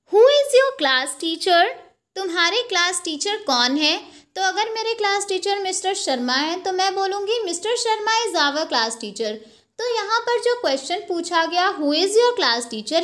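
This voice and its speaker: A young woman teaching an English grammar lesson from slides, explaining slowly and checking in with "ok" after each point. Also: very high-pitched. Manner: slow, explanatory, repeats points with "ok" and "theek hai". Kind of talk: slide-based lesson, Hindi with English terms.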